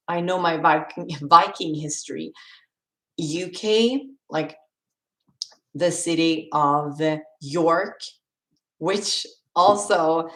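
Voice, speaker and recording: A woman's voice: low-pitched, reverberant. A young woman from Sweden with a Swedish accent, chatting casually on a live stream as she answers viewer questions and laughs often.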